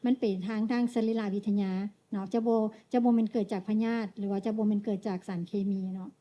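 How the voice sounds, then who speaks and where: A woman with a Lao accent interpreting a medical lecture, measured, pausing often and ending phrases with tag particles. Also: mid-range voice, fairly even intonation, dark tone, muffled recording.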